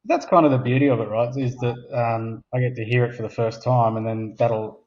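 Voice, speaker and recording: Male co-host, low monotone, thoughtful and reassuring, slightly dull recording. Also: a little fast. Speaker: podcast co-host. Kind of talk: casual chat.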